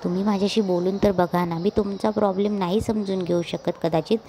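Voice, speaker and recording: A woman reading the lines of an earnest young wife, hurt but gentle, in a plain narrating voice. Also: mid-range voice, fairly even intonation, a little fast, noisy background, lightly acted. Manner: read aloud in a plain narrating voice.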